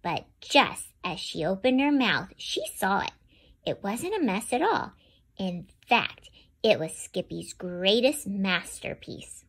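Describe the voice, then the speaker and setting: A woman hosts a children's read-aloud, sharing a picture book and speaking directly to her young audience in an animated way. Her voice is medium in pitch, slow, and slightly breathy.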